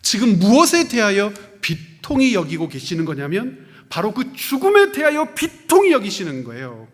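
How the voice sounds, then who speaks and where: A male pastor preaching a sermon. He asks the congregation questions and answers them himself, and he swings from loud, stressed peaks down to hushed, near-whispered lines. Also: high-pitched. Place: church sanctuary. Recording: long church reverb.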